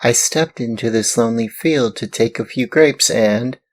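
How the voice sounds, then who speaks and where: A man voicing a scared, crying wooden puppet boy in a storybook reading, pleading in a high, sobbing voice. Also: moderate pace, lightly acted. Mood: tearful pleading.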